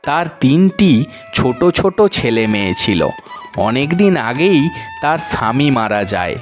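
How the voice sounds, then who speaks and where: A man narrating a devotional moral story in a slow, measured storytelling manner. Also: medium pitch, very animated, soft background music.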